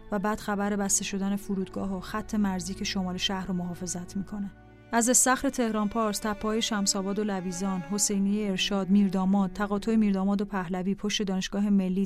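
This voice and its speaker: A woman narrating a personal diary in a calm, scripted reading voice over faint music. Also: medium pitch.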